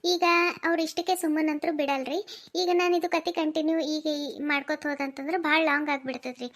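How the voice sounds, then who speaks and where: A woman's voice: high voice, steady tone, normal speed. A woman with a North Karnataka Kannada accent giving polite, informal closing remarks to viewers as a cartoon channel narrator.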